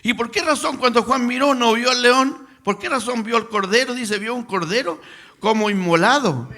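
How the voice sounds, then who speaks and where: A man's voice: very high voice, moderate pace, sharp tone. A man preaching a sermon in a church, asking rhetorical questions and building to emphatic passages. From Chile. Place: church sanctuary.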